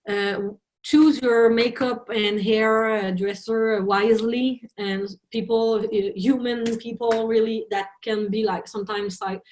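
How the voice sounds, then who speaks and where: French-native woman director talking english, slightly high voice, lots of restarts, echoey room. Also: steady tone, a little mellow. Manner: halting, searching for words, frequent restarts. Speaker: film director, interview guest. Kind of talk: interview talk in a second language. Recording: roomy echo.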